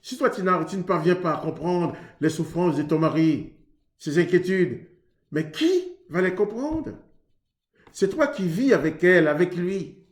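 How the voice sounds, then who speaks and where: Speaking a little slowly in a high, animated voice, a man from Haiti preaches sincerely about marriage in a roomy-sounding space. His sermon is conversational, voicing both partners in a couple's exchange.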